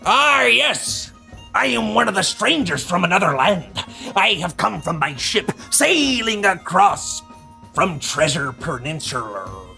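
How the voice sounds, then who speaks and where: Brief: a man playing a gruff, gravelly pirate, boastful and stubborn, with a bright, lively voice, for a kids' comedy sketch. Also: sits high, unhurried, faint music behind, full character voice. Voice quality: gruff, growls "arg". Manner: argues by citing rules.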